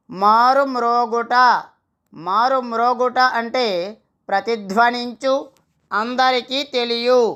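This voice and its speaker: A woman's voice: a little high, a bit bright, clean tone. A woman teaching a Telugu grammar lesson, dictating each answer and repeating it so students can write it down.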